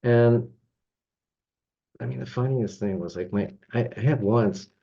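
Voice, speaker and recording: A man's voice: medium pitch, measured pace, vocal fry, mellow, breathy edge. A middle-aged man from Canada, a judo coach telling stories in a casual interview, chuckling often and rambling with plenty of fillers. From Toronto, Canada. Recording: slightly dull lo-fi recording.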